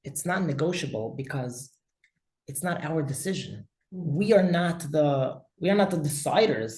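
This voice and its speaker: A man's voice: fairly high pitch, lively intonation, normal speed, darkish tone, echoey room, poor audio. A man teaching a class as a rabbi. He speaks emphatically and often repeats words as he talks. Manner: emphatic, with frequent word repetitions. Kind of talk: class lecture with discussion.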